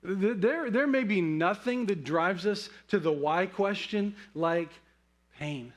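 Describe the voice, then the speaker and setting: Preaching like a pastor, a middle-aged man with a notably high voice delivers a sermon woven with personal stories, conversational and animated. He slows into dramatic pauses so key words land with weight.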